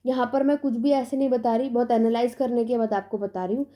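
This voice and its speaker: Young female tutor, casual exam-tips lesson, insistent and reassuring, mellow and fairly high. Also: fairly even intonation, fast talker. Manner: emphatic, repetitive reassurance with "theek hai" checks.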